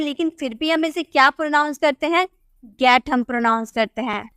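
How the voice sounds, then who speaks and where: A woman's voice: sits high, a bit bright, dry recording, clean studio sound. A woman teaching English pronunciation rules step by step, repeating words and quizzing the viewer. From India.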